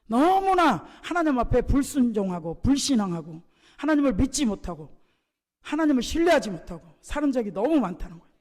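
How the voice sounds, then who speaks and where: High-voiced man preaching in a reverberant church. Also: very animated, brisk. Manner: emphatic preaching, swings between loud exclamations and low asides. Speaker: pastor. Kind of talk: sermon. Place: church sanctuary.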